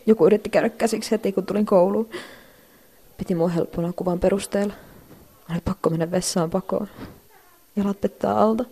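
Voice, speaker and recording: A woman playing a bullied, anxious teenage schoolgirl who talks quietly to herself in a brooding inner monologue. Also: medium pitch, steady tone, pauses often, slightly rough. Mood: panicked.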